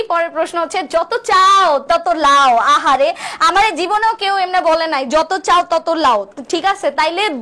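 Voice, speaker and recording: A woman's voice: extremely high pitch, a bit bright. A young woman, tutoring students for university admission in an online revision class, joking and often checking "okay?". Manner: teasing asides, frequent checks with "ঠিক আছে?".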